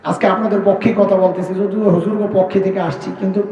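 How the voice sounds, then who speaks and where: A man with a Bangladeshi Bengali accent preaching a sermon to a gathering, asking the crowd questions and chanting scripture in a drawn-out singing tone. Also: sits high, flat delivery, warm tone, muffled recording, slight background noise. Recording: echoey, far from the mic.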